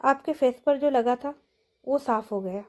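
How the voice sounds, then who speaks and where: A caring young woman assistant with a gentle, questioning way of speaking, as a woman narrator puts her on. High and mellow, read plainly in an audio story. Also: a little slow.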